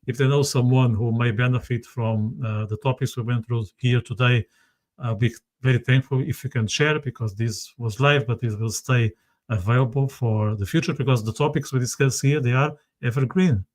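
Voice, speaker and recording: A man with an average-pitched voice hosts a casual conversational interview. He feels his way through sentences haltingly, often repeating words and phrases. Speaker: podcast host.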